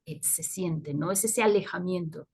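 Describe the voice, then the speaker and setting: A woman's voice: fairly low pitch, moderate pace, a little mellow, breathy edge. A woman teaching astrology in a live talk, explaining at length and often checking in with listeners with short questions. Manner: laughs at her own points.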